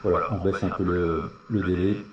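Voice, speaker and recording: A man's voice: deep voice, steady tone, normal speed, muffled recording, a little hiss or hum. A man giving a casual spoken tutorial on radio settings, hesitant, with many fillers and restarts. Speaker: CB radio hobbyist demonstrating settings.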